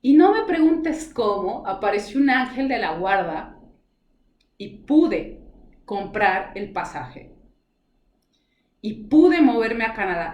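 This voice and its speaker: Speaking in a fairly high, darkish voice, a spiritual guide shares a heartfelt personal testimony in conversation, voicing the dialogue of her story. The room echoes noticeably.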